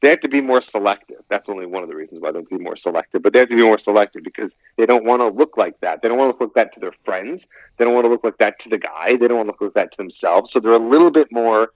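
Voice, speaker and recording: Rapid-fire and lowish in voice, this thirty-something man is a podcast guest who works as a dating coach. He talks casually and at length, rambling and often repeating phrases. The recording is dry, dull, and a bit lo-fi.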